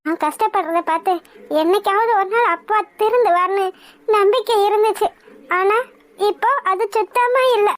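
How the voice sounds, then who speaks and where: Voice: very high-pitched, normal speed, no room sound. A performer voicing a grieving, devout young woman in a cartoon drama, pleading with god in anguish. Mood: sorrowful.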